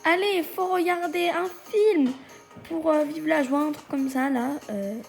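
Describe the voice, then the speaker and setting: A woman giving casual gameplay commentary in a chatty, halting way, often exclaiming at what she finds. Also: high voice, vocal fry, faint music behind. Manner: halting, many hesitations. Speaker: gaming video creator.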